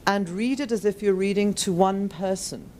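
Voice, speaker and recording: A woman author talking at a live bookshop event, chatty and self-mocking with animated asides. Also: mid-range voice, normal speed, a little hiss or hum. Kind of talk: live book discussion.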